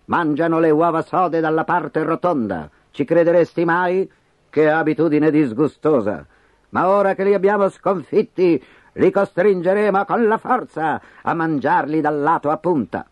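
Tiny hot-tempered emperor, shrill and shrieking, put on by a man reading a storybook. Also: expressive, moderate pace, dry recording, muffled recording, natural voice. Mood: indignant. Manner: shrieking and raging.

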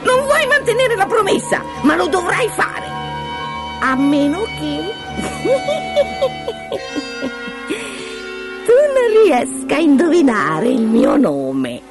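A woman's voice: very high-pitched, wildly swooping pitch, extremely slow, pauses often, voice pushed up, heavily acted. A woman voicing a mischievous little male dwarf who taunts and gloats in a fairy tale, with music playing behind. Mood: taunting. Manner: gleeful, taunting, laughs often.

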